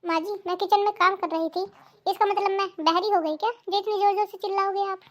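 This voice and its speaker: A snappish younger daughter-in-law in a cartoon, answering with cold sarcasm, as a woman voices her. Her voice is very high and loud. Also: steady tone, fast. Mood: sarcastic.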